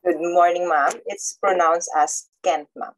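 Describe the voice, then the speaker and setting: Woman student, lowish voice, polite and hesitant answer. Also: measured pace, slight background noise, low-quality recording.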